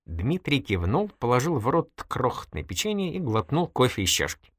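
A man narrating an audiobook in an expressive storytelling manner. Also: mid-range voice, moderate pace, no room sound, studio quality. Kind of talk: scripted narration.

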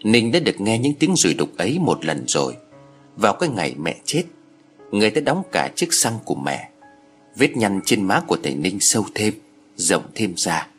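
A man narrating stories aloud in a measured, expressive way. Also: on the low side, soft background music. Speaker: story narrator. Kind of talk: scripted audiobook narration.

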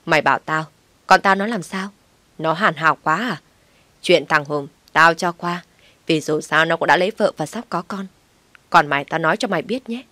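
A woman voicing a sharp-tongued, contemptuous older mother-in-law in an audio story, scolding loudly. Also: low-pitched, no echo.

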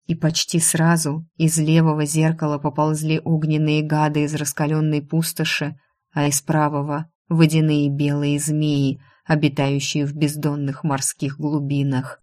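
A woman narrating a first-person fantasy novel in a steady, measured reading. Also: deep voice. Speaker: audiobook narrator.

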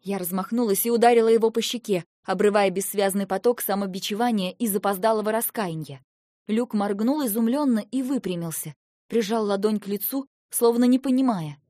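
A woman narrating a fantasy novel in the first person, with an expressive, emotional delivery. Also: medium pitch, a little fast, dry recording, studio quality. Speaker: audiobook narrator.

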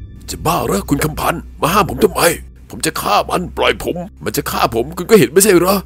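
A man voicing a panicked, furious middle-aged man who roars and shouts frantically. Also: on the high side, animated, drawn-out words, vocal fry, husky, faint music behind, voice pushed up, heavily acted.

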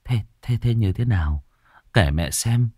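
A man doing a worried, gentle mother. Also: high-pitched, takes it slowly, no echo, clean studio sound, pitched above the performer's own voice. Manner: soft, coaxing. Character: caring middle-aged mother, gentle and worried.

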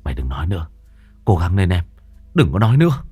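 A man's voice: low-pitched, sing-song, quick pace, mellow, breathy edge, faint music behind, exaggerated voice. A man voicing a loyal, hot-headed young gang boss in an audio horror story, who hisses in anger and cries out in grief. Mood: soothing.

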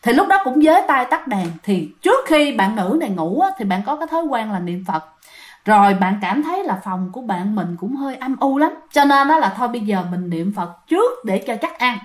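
Chatty woman telling ghost stories. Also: fairly high pitch. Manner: chatty, addresses listeners directly. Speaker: storyteller. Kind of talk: ghost story narration.

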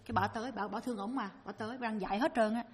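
A woman with a Southern Vietnamese accent tells a dharma story, slipping into the voices of her characters as she goes. Her voice sits fairly high and sounds breathy. It rings out with a long hall reverb. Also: rapid-fire. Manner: lively storyteller, acting out the people she quotes. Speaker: Buddhist dharma speaker.

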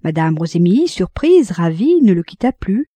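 A woman reading a classic novel aloud in an expressive, measured audiobook narration. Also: fairly low pitch, no room sound. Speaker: audiobook reader.

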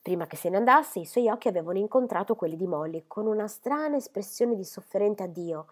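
A woman reading a classic novel aloud in a measured, steady narration. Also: medium pitch. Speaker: audiobook reader. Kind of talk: scripted narration.

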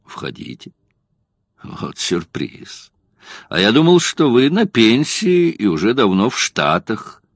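A man's voice: mid-range voice, wildly swooping pitch, slow, vocal fry, husky, dry recording, exaggerated voice. A male narrator voicing a cocky secret agent who talks in a wry, mocking way.

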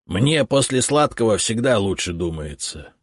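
A man's voice: fairly low pitch, sing-song, normal speed, breathy edge, no room sound, studio quality. A man voicing a boastful, self-important male house spirit who talks bossily with "eh" fillers, in an audiobook. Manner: bossy, know-it-all, grumbling with 'eh' fillers. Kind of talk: audiobook character voice.

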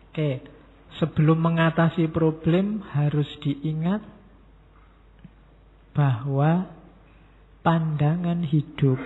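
Joking lecturer in an echoey hall. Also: male voice, fairly high pitch. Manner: relaxed and joking, drops Javanese words. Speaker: philosophy lecturer. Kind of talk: casual lecture to students. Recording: tinny phone-like sound in a long-reverb hall.

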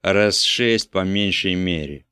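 A man's voice: sits low, slow pace, sharp tone, clear, resonant tone, no echo, clean studio sound, full character voice. A man reading an audiobook, voicing a meek, matter-of-fact typesetter. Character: timid plodding typesetter, man. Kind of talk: audiobook character voice.

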